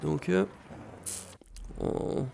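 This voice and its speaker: A man with a Québécois accent giving excitable, swearing gameplay commentary while he has the flu. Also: drawn-out words. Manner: excitable, swears often, loud outbursts. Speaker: gaming YouTuber.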